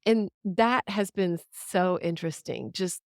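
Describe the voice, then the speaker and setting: A woman's voice: on the low side, expressive, unhurried, a little mellow, no echo, studio quality. A middle-aged woman chatting candidly as a podcast guest, rambling and swearing freely, often laughing. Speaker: podcast guest, musician and writer. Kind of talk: casual conversation.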